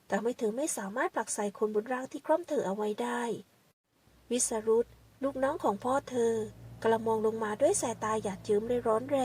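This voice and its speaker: Breathy woman reading an audio novel. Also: fairly high pitch, darkish tone, far from the mic. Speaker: audiobook narrator. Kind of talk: scripted romance narration.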